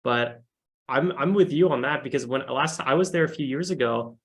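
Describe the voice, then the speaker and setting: A man's voice: medium pitch, normal speed. A young man from the United States, co-hosting a podcast in rambling, casual chat with lots of fillers. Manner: rambling, filler-heavy, animated. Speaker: podcast co-host.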